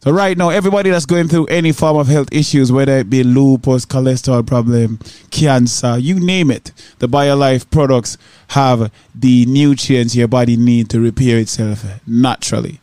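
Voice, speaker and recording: A man's voice: mid-range voice, fairly even intonation, moderate pace, mellow, dry recording, clean studio sound. A man hosting a radio show as DJ, talking casually in street slang between songs. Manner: laid-back, street-slang talk. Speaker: radio DJ host.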